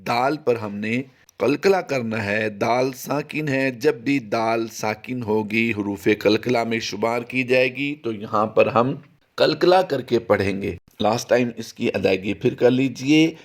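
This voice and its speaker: Man, tajweed teacher, very slow, mid-pitched, chants sample words drawn out. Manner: slow, patient explanation, chanting the sample words long and high. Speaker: Quran reading teacher. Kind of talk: recorded tajweed lesson.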